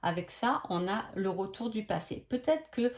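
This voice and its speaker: A woman's voice: medium pitch, expressive, normal speed. A woman giving a casual oracle card reading sign by sign, chatty, with many hesitations and tag questions.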